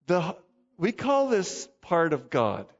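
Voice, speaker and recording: A man's voice: a little high, huge pitch swings, slow pace. A man preaching a sermon as pastor, conversational and self-deprecating, full of rhetorical questions. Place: church. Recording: dull, reverberant church hall recording.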